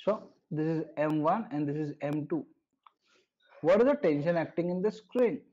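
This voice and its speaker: A man's voice: fairly high pitch, normal speed, dark tone. A man with a North Indian accent teaching physics in a live online lesson, often checking understanding with short tag questions. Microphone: online video call. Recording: dull, lo-fi online class audio.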